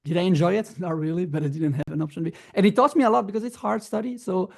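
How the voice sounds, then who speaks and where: Gravelly young man, halting speech. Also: sits high, darkish tone. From Belgium. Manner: hesitant, many restarts and fillers, non-native phrasing. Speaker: guest musician. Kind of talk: casual interview chat.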